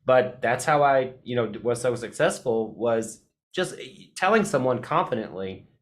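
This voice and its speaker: A man co-hosting a webinar, sharing a relaxed anecdote in casual chat. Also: mid-range voice, normal speed.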